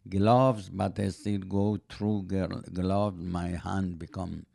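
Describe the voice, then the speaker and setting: An older man, not a native English speaker, chatting on a podcast in halting, broken English with many fillers. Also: low voice, level tone, gravelly, warm tone, dry recording, studio quality. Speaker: podcast guest, host's father. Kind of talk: casual chat.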